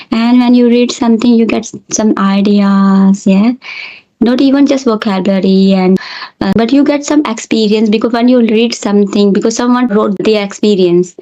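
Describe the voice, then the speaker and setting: A woman's voice: medium pitch, mellow. A middle-aged woman from India who teaches English, chatting in a friendly, encouraging way with small slips and restarts, on a lo-fi call. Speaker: English teacher and channel host. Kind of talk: casual conversation practice. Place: Australia. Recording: lo-fi online call audio.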